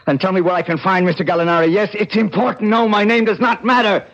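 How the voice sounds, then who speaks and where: An actor with an American accent playing an excitable, haunted struggling painter in a radio drama, in a theatrical manner. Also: male voice, sits high, fast talker. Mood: agitated, insistent. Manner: emotional, theatrical. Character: struggling painter Vincent, excitable, self-doubting, haunted by nightmares. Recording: dull lo-fi vintage radio recording.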